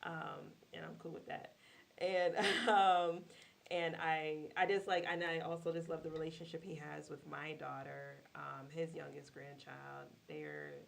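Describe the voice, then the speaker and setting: A woman co-hosting a casual podcast, relaxed and laughing easily. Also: deep voice, measured pace, creaky. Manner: warm-hearted, laughing, relaxed. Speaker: podcast co-host. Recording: faint hiss.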